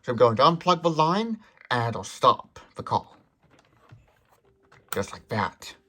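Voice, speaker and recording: Without a script, a demonstrator talks through a tech device in a mid-pitched, fairly bright voice. The explanation is thorough, stepping from detail to detail.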